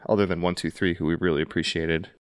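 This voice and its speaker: A man's voice: deep voice, little pitch movement, fast, dry recording, studio quality. A man hosting a podcast, talking earnestly and reflectively about his army service in a casual interview. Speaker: podcast host, Army veteran.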